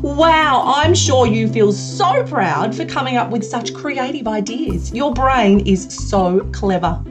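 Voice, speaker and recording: A woman's voice: on the high side, animated, takes it slowly, few pauses, over music. Singsong woman hosting for children. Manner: broad singsong children's-theatre delivery; gushing, encouraging. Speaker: children's podcast host. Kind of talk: children's show presenting.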